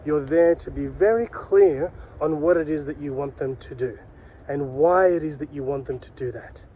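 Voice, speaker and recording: A sales coach hosting an instructional video speaks to camera emphatically, repeating key phrases and posing rhetorical questions. His voice is a little high and mellow, and the poor audio carries a slight hiss or hum.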